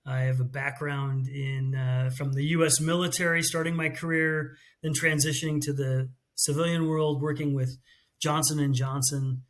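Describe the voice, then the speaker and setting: A middle-aged American CEO explains his company's work in a business interview, speaking fluently with a few restarts. His mid-range voice is level in tone and moderate in pace.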